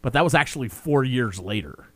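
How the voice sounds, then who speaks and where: A man's voice: mid-range voice, animated, fairly quick, no echo. A man co-hosting a casual film review chat, recapping the plot in a meandering, talkative way. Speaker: movie review co-host.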